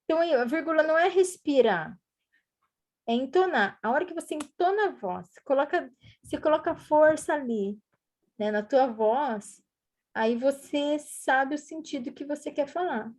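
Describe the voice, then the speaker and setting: A woman with a high, animated voice and darkish tone tutors one student in writing over a video call, speaking at a moderate pace. She explains patiently and reads example sentences aloud with varied intonation in this online one-on-one lesson.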